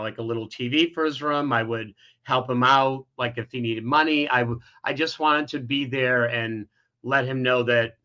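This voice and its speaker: A man's voice: mid-range voice, sharp tone, highs cut off. A middle-aged man, an interview guest, candidly telling a painful personal story with many restarts.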